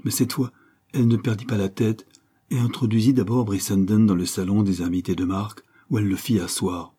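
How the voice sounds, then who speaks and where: Low, husky male audiobook narrator. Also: steady tone, fairly quick, mellow. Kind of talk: scripted narration of a novel.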